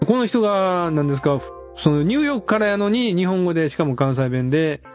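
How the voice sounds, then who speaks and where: A man from Osaka with a Senshu Osaka accent, hosting a casual podcast chat with animated, quick talk and laughing asides. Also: high-pitched, faint music behind. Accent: Senshu Osaka dialect. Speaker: podcast host.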